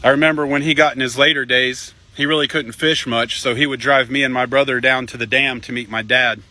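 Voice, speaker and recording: A young man telling family stories in a casual, animated, folksy way, with some swearing. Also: medium pitch, a little fast. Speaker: storyteller. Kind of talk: casual storytelling.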